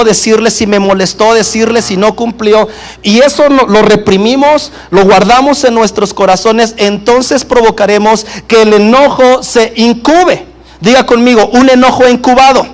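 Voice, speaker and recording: A male pastor preaching a sermon, prompting the congregation to answer back. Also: high voice. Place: church service in a home gathering.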